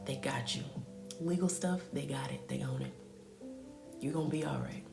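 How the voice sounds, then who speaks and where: A woman's voice: rumbling low, normal speed, creaky. A woman doing a live spiritual reading for viewers, soothing and affirming, often half-whispering and calling them pet names. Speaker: spiritual reader on a live stream. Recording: echoey room with music behind.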